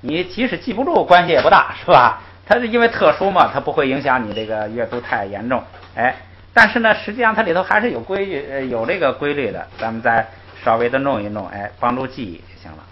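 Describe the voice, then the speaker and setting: A man's voice: medium pitch, fast, slight background noise. A man teaching a language class, patiently explaining rules and modeling syllables for the class to repeat. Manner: lively, patient, interjects "ai" often, models syllables for repetition. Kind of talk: classroom lecture with call-and-repeat drills. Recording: muffled lo-fi recording.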